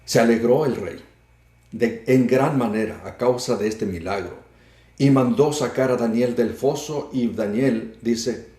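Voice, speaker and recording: Male pastor, mellow low voice, fervent sermon cadence, roomy echo. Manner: fervent, repetitive preaching cadence.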